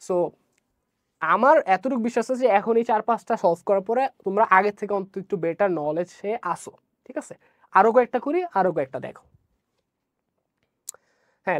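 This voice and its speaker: A woman's voice: medium pitch, no echo, clean studio sound. Woman teaching, checking questions. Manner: explains step by step, asks checking questions. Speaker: English teacher. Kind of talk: online exam-prep lesson.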